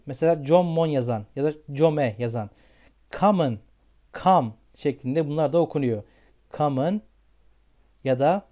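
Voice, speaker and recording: A man's voice: a little high, dark tone. A man teaching beginner English pronunciation, asking questions and checking in with his students again and again. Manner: repeats questions and checks with "tamam mı".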